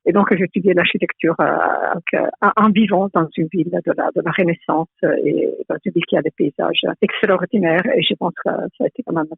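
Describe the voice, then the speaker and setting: A middle-aged Italian woman speaks with a clear Italian accent, searching for words and often repeating herself as she answers. Her voice is gravelly and husky. The sound is thin and phone-like, and very dry. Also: on the low side, fairly even intonation, no echo. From Italy. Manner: hesitant, many pauses and repeated words. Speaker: architecture professor, guest. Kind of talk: thoughtful interview answers. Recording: tinny phone-like line, dry.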